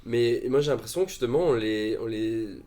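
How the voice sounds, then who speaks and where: A man's voice: medium pitch, normal speed, mellow. A man chatting as a football pundit on a live stream, hesitant with many fillers and restarts. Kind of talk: casual live-stream discussion.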